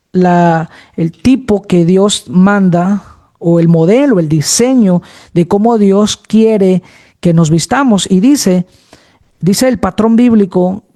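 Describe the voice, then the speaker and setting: Slow, mellow-voiced male preacher. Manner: slow, shifts between low, middle and high voice; addresses listeners as brothers often. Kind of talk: sermon on preaching.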